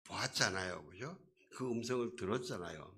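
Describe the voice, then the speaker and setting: A man's voice: lowish voice, expressive, moderate pace, pushed and bright. A man preaching a sermon as a pastor, in a conversational way that asks the congregation questions and acts out quoted voices.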